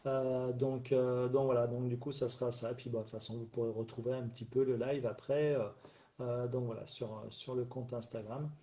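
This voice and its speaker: Alone on a casual live stream, a middle-aged man chats haltingly, restarting often and leaning on fillers, still slightly stuffy from a cold. His medium-pitched voice is level and darkish, at a moderate pace, recorded through a phone or webcam.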